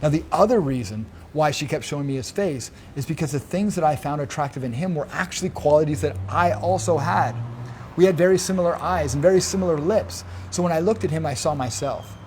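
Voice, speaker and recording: A man's voice: on the high side, brisk, darkish tone, slight background noise. Earnest man telling a personal story. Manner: earnest, emphatic, repeats phrases for effect. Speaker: spiritual video creator.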